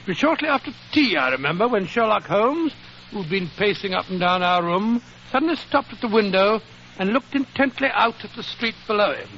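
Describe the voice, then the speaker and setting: A man's voice: high-pitched, very animated, brisk, pushed and bright, exaggerated voice. A man playing a genial, bumbling older English doctor in a 1940s radio drama, muttering and avuncular as he recounts old adventures. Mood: storytelling. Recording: noisy, dull 1940s radio recording.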